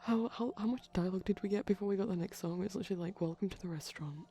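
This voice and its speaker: An ASMR performer plays a shy, gently geeky pastel vampire boyfriend, rambling and explaining softly while a movie plays on the TV in the background. The voice is medium-pitched, breathy and very creaky, often dropping into whispers, with racing, soft music behind it.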